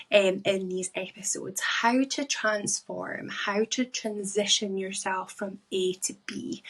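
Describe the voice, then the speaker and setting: A Scottish woman with a husky, mid-range voice and a Scottish accent speaks alone to her listeners as a podcast host and life coach, enunciating deliberately.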